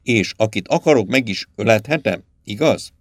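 A man's voice: lively intonation, no room sound, studio quality. A man voicing a cruel, petulant young prince hungry for power, with a whiny, demanding way of talking. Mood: eager. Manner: whiny, demanding, shrill outbursts.

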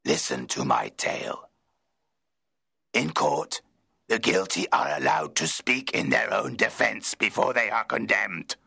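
A man voicing a wretched, menacing man-made monster in a dramatised audiobook, pleading slowly in a rasping, bitter voice. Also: mid-range voice, pushed and bright, dry recording, studio quality, exaggerated voice. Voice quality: gravelly, rasping. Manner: slow, heavy, emotional pleading.

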